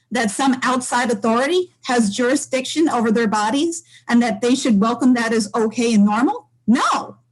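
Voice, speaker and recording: A woman's voice: a little high, darkish tone, poor audio. Insistent woman giving public comment. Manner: insistent, accusatory, rhetorical questions.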